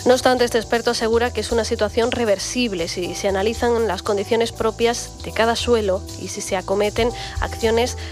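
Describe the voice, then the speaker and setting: A woman reading the news and interviewing on local radio in a clear, measured way. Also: a little high, fairly even intonation, music in the background. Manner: clear, measured newsreader delivery.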